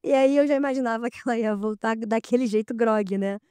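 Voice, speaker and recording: A woman with a Brazilian accent, a podcast guest telling a personal story in a casual, animated way and acting out the dialogue. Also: on the high side, fast, smooth, no echo. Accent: Brazilian Portuguese.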